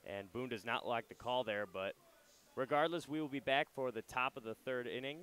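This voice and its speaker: Speaking smoothly in a mid-range voice at a moderate pace, a young adult man covers a baseball game on radio from a ballpark booth. His play-by-play and commentary are relaxed and chatty, with loose fillers.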